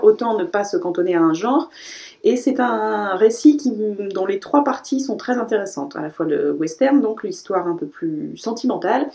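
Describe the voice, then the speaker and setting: A woman chatting casually as she reviews a haul of new books, correcting herself often and filling pauses with "euh". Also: medium pitch, warm tone. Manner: chatty, self-correcting, frequent "euh" fillers. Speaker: book vlogger.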